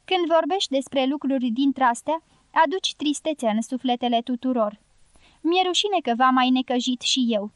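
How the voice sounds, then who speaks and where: A shy, grieving young ex-bullfighter who speaks in a subdued, ashamed way, as a woman reads him out. The voice stays high for a young man, and the recording is close and dry. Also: animated, no room sound. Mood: ashamed sad.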